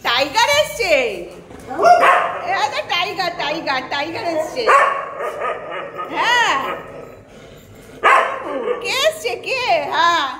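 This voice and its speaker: A woman's voice: extremely high pitch, animated, slow pace, pauses often, big-room sound, heavy background noise. A woman talking to her dogs outdoors in coaxing, sing-song baby talk. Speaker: dog owner filming her pet. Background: dogs barking.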